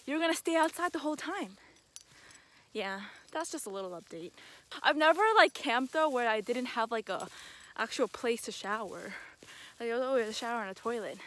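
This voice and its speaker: A young woman casually vlogging at a rural campsite, chatty and relaxed, filming with a handheld camera at arm's length. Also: a little high, normal speed, rough recording. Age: young adult. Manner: chatty, relaxed, filler-heavy. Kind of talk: casual travel vlog. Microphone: handheld camera or phone at arm's length.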